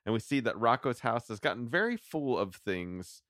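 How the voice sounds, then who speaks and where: A man's voice: medium pitch, expressive, moderate pace, fairly bright tone, dry recording, studio quality. A man co-hosting a recap podcast in loose, conversational chat. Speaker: podcast co-host.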